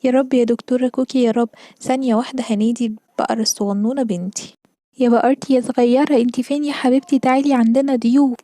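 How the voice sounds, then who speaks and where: A woman's voice: on the high side, steady tone, very fast, mellow, no echo, close to an everyday voice. A woman voicing an anxious, fussy mother cow with an Egyptian Arabic accent.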